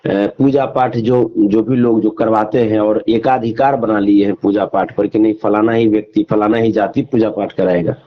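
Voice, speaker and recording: This phone interview guest is a man with a lowish, steady-toned voice who speaks at a moderate pace with few pauses. He presses his opinions hard, circling back to the same phrases and asking rhetorical questions, all captured in a dull lo-fi call recording.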